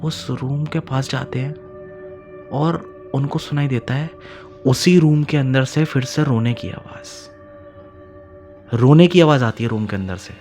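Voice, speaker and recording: A man narrating a horror story in a dramatic way, repeating phrases and swinging between loud emphasis and hushed lines. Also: medium pitch, measured pace, long pauses, soft background music.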